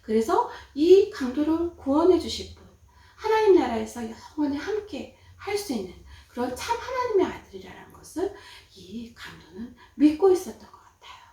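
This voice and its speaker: A woman preaching a Sunday school sermon to children, telling the story in an animated way with dramatic emphasis. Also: high-pitched, moderate pace. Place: church. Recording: echoey room from far off.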